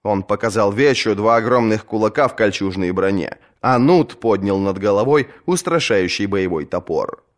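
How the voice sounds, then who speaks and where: A man narrates an audiobook expressively, in a storytelling manner, with a fairly low voice at a moderate pace.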